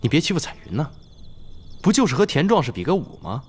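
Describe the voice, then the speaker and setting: A man playing a young husband who gently coaxes his hot-tempered wife. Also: a little high, very animated, fast talker, slightly rough. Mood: coaxing. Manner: gently coaxing. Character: young husband, soothing and indulgent.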